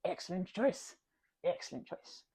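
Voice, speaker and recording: In an ASMR roleplay, a woman plays the listener's best friend, chatting casually in a bubbly, expressive way and rambling as she switches direction mid-thought. Her voice is lowish and slightly rough, at a normal speed.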